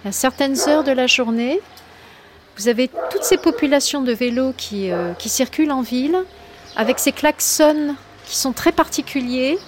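A woman's voice: sits high, lively intonation, normal speed. A woman speaking reflectively in an interview, searching for words and repeating phrases for emphasis. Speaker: interviewed poet and flight attendant. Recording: clear ambient noise behind voice.

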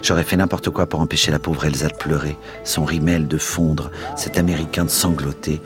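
Very deep-voiced man reading a novel aloud. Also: fairly quick, music in the background. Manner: steady, expressive narration. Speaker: radio host and reader. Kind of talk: literary reading on radio.

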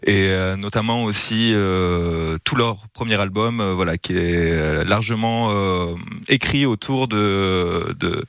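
A man's voice: low voice, slow, fairly bright tone, clean tone, no echo, clean studio sound. A man, a venue's communications manager, guest on a radio interview, speaking hesitantly with many filler sounds and restarts. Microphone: phone line.

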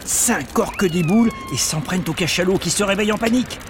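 A man's voice: sits high, fast, over music. A man narrating a scripted nature documentary in a vivid, dramatic storytelling manner.

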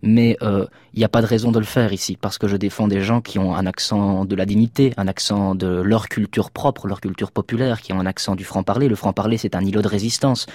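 A man from Liège speaks as a guest on a radio show, rattling along at high speed. His voice sits fairly low, and he often restarts his sentences in his eagerness. The sound is close and dry, with no room around it. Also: steady tone, a little mellow, dry recording. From Belgium, Liège. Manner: rapid, impassioned, with quick restarts. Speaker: theatre actor, guest. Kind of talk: radio interview talk.

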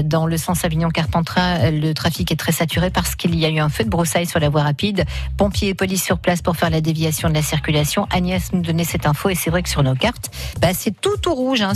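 A woman hosting radio in a casual, chatty presenting style. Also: fairly low pitch. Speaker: radio host. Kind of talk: lively casual radio chat and game presenting.

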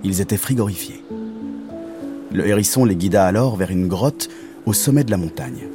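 A man narrating a children's story in a gentle, expressive storytelling manner. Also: sits low, normal speed, music in the background.

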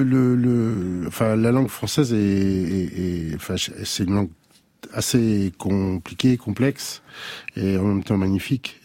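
Emphatic low-voiced man, stammering repeats. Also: warm tone, no room sound. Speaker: rock singer guest. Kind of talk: radio interview.

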